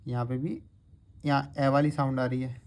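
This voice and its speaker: A man teaching shorthand step by step, slowly drawing out words to show their sounds. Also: medium pitch, little pitch movement, darkish tone. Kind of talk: step-by-step lesson.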